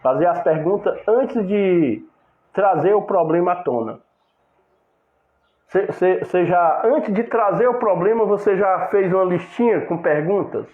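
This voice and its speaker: High-voiced preacher, echoey and tinny. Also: male voice, expressive, a little slow. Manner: preachy, acts out couple's quarrels in quoted voices. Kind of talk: sermon. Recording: echoey room over a tinny phone-like line.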